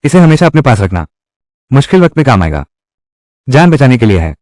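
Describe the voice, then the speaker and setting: A young nobleman who speaks firmly and is used to being obeyed, as a man dubs him. His pitch moves freely with each line. The recording is dry and close. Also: very animated, fairly quick, darkish tone, no echo, lightly acted. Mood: earnest. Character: young male lord in hiding, commanding. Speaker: dub voice actor. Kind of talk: dubbed period drama dialogue.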